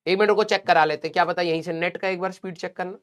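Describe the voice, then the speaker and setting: Bright-voiced joking physics teacher. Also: male voice, high voice, steady tone, racing. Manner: joking, chatty, teasing students. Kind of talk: casual live class lecture.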